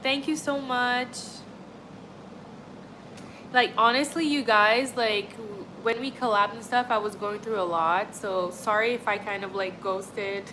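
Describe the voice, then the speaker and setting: A chatty young woman from Montreal, Canada, hosts a livestream, chatting casually with her live chat at a measured pace. Her voice is on the high side with fairly even intonation, and she rambles with frequent "like" and "honestly." There's background noise.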